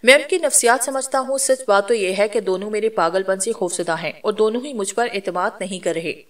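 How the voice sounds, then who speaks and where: A woman reading the lines of a determined, confident young man in an audio story, in her own mid-pitched voice. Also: a little fast, distant mic, lightly acted.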